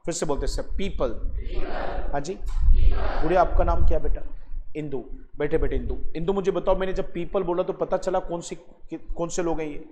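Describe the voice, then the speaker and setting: A man's voice: a little high, normal speed. A man teaching English grammar to a live class, coaxing students and quizzing them by name. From Haryana, India. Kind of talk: classroom lesson. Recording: echoey classroom hall with steady background noise.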